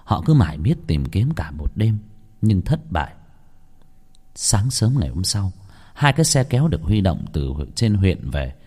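A man narrating a ghost story in a dramatic, expressive storytelling manner. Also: deep voice, moderate pace, breathy edge.

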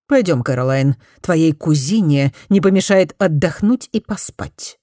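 Woman doing a prim disapproving lady of the house, slow and stern, storybook reading, dry. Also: sits low, animated, dark tone, no room sound. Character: stern aristocratic middle-aged mother, prim and disapproving.

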